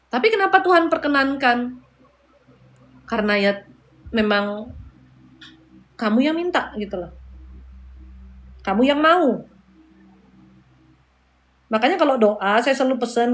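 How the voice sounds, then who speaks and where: Balinese woman, live-stream spiritual host, chatty, playful asides, fairly high voice. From Bali, Indonesia. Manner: chatty, mixes advice with playful asides and laughs. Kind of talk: casual live-stream preaching.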